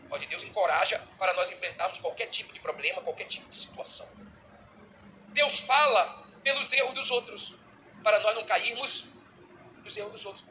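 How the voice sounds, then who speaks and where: A middle-aged man with a Brazilian Portuguese accent preaching a sermon as a bishop, animated, acting out little dialogues. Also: high voice, fairly quick, slight background noise, poor audio.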